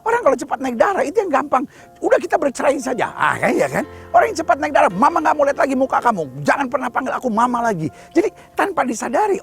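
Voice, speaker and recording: A male pastor with an Indonesian accent, preaching an animated sermon full of jokes and rhetorical questions. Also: very high-pitched, vocal fry. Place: outdoors at a rocky site.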